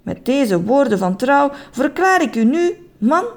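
A woman's voice: high-pitched, big pitch swings, a little slow, voice pushed up, exaggerated voice. A woman voicing a solemn male officiant in a children's story, who speaks in a ceremonious, sing-song way. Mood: ceremonial. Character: solemn male officiant, a know-it-all creature.

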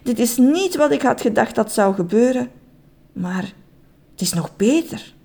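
A woman's voice: a little high, lively intonation, measured pace, gravelly, warm tone, exaggerated voice. A woman voicing a tender, slightly awkward male groom in a children's story. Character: gentle, doting male groom with a curly tail.

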